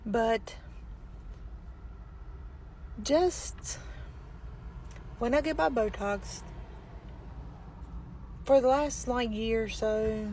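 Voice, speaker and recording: A woman's voice: drawn-out words, long pauses, a little mellow. Weak, barely audible chatty woman, noisy recording. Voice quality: weak, low-volume voice, barely projecting. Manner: chatty, plain-spoken, folksy. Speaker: vlogger. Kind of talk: casual chat.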